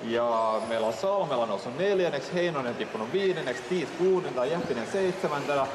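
Guy doing race commentary over a PA, slightly high voice, big booming hall, lots of noise behind. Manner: steady running play-by-play, listing positions. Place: large indoor exhibition hall at a model car race. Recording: echoey hall, noisy PA sound.

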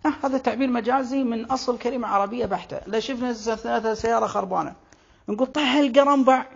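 A speaker with a Kuwaiti accent gives a lively explanatory monologue on where words come from, asking rhetorical questions and answering them. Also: mid-range voice, racing, vocal fry, slightly rough, dull audio. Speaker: language commentator. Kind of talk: explanatory monologue on word origins.

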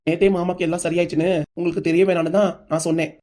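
A woman voicing a calm young male son-in-law who soothes his mother-in-law in a cartoon. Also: lowish voice, racing, pitched below the performer's own voice, close to an everyday voice.

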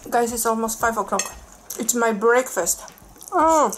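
A woman's voice: fairly high pitch, expressive, measured pace, slight background noise. A woman hosting a mukbang, talking with her mouth full between enthusiastic bites. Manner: enthusiastic, repeats words of delight. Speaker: mukbang host. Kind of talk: casual cooking and eating show.

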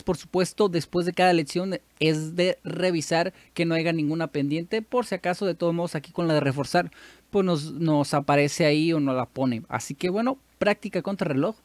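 A man's voice: fairly high pitch, no echo. A man with a Mexican Spanish accent giving casual commentary while he practises with a language app, chatty and correcting himself as he goes. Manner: chatty, self-correcting, thinks aloud. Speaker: YouTuber doing language practice.

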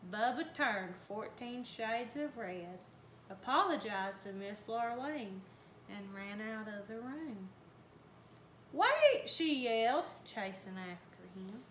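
Brief: woman volunteer storybook reader, slow and expressive, roomy sound, faint noise. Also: medium pitch. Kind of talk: storybook read aloud.

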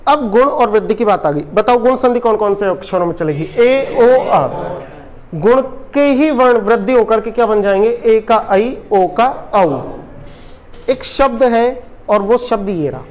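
A Hindi teacher runs a coaching class as a classroom lecture with call-and-response drilling, quizzing his students over and over and answering his own questions. His voice sits high, with lively intonation and a measured pace.

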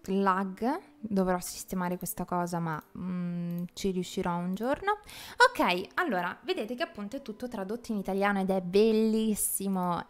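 A young woman streamer chatting casually while playing a strategy game, playful and quick to laugh as she reads the chat. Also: fairly low pitch. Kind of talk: casual live game commentary.

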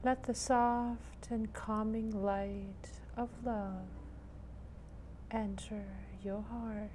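A woman leading a guided meditation in a soothing, gentle manner, leaving long pauses between short phrases. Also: a little high, fairly even intonation, slight background noise.

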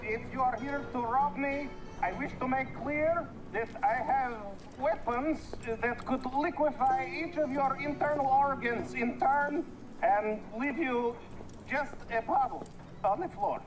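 An actor playing an eccentric, arrogant mad inventor in a video game, halting, muttering and condescending. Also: male voice, very high-pitched, over music, rough recording. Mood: wary, threatening. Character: eccentric mad professor, arrogant, excitable foreign male inventor. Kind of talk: video game character acting. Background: game ambience.

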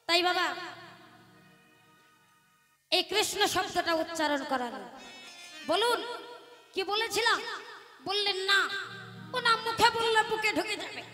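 A woman kirtan performer gives a devotional sermon with a strikingly high voice. She tells the story with acted dialogue and pulls the listeners into call-and-response chanting. Her voice echoes with long reverb over steady devotional music. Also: slow pace, long pauses. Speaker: kirtan singer and preacher.

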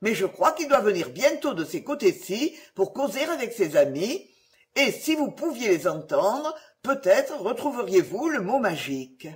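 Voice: big pitch swings, normal speed, close to an everyday voice. A storyteller voicing an enchanted princess turned into an owl, who pleads eagerly in a raised voice. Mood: pleading, eager. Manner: eager, higher and louder than the narration. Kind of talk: storybook reading.

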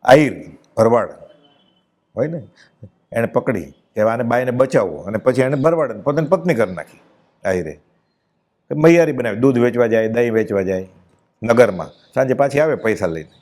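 A man with a Gujarati accent giving a devotional discourse, chanting verses slowly and then explaining them in plain speech. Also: medium pitch, expressive, darkish tone. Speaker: spiritual discourse speaker.

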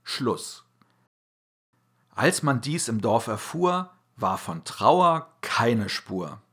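A man reads a rhyming children's tale aloud like a storyteller. His voice is husky and his pace is slow. Pitch rises and falls widely, and sound words are called out loudly. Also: big pitch swings. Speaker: narrator reading a children's verse tale. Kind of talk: expressive storybook reading.

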